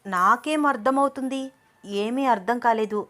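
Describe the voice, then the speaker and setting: A woman's voice: fairly high pitch, a little slow, voice pushed up. A woman doing a shy, coy young bride. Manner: soft, coy and bashful.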